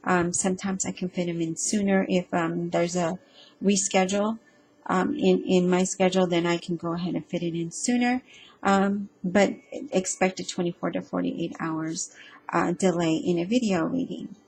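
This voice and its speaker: A woman giving a casual spoken tarot reading, earnest and reassuring, speaking haltingly with frequent ums and restarts. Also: fairly low pitch, fairly even intonation, a little mellow, slight background noise, low-quality recording. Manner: hesitant and halting, with frequent ums and self-repeats; earnest and reassuring, addressing the listener directly. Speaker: tarot reader.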